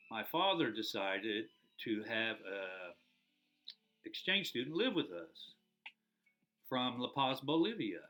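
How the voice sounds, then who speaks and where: Middle-aged man, bright voice, rambling storyteller, faint guitar underneath. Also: medium pitch. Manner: rambling, reflective, many fillers and restarts. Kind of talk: casual personal storytelling.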